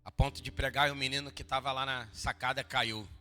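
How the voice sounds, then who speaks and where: A male pastor from Rio de Janeiro preaching to his congregation, swinging between quiet asides and loud emphatic lines and joking with the people. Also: mid-range voice, fairly even intonation, fairly quick. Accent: Brazilian Portuguese, Rio de Janeiro. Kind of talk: sermon. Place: church hall. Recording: long hall reverb, faint guitar behind.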